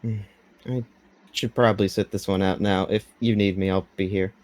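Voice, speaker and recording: A man playing in a tabletop game, easygoing and quick to laugh. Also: fairly low pitch, steady tone, a little mellow. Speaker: player. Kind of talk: casual tabletop role-play chat.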